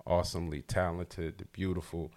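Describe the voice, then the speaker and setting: A man's voice: deep voice, flat delivery, a little fast, a little mellow. A man hosting a casual hip-hop podcast, talking loosely and hyped with lots of slang. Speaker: podcast host. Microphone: livestream podcast setup.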